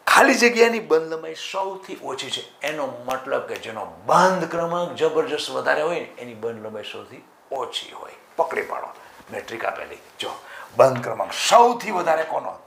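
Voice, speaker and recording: Lively Gujarati chemistry teacher, echoey room. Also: male voice, mid-range voice, gravelly, crowd noise. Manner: lively, questions the students then answers himself; stretches key terms slowly, syllable by syllable. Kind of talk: exam-prep lecture.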